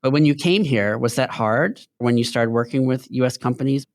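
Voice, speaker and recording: A man's voice: medium pitch, normal speed, no echo, studio quality. A man hosting a conversational interview, friendly and affirming as he asks questions. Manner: friendly, laughs easily, affirming.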